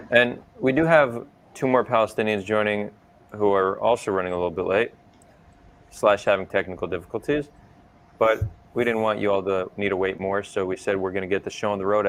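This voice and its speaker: A man hosting and moderating an online roundtable over a video call, brisk and upbeat with a few fillers. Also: sits low. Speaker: host.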